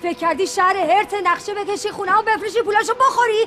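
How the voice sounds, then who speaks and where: A woman's voice: very high voice, pushed and bright, soft background music. An actress playing an angry woman in a TV series who accuses a man of theft. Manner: furious, accusatory. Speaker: angry wife accusing him. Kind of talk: TV series acting.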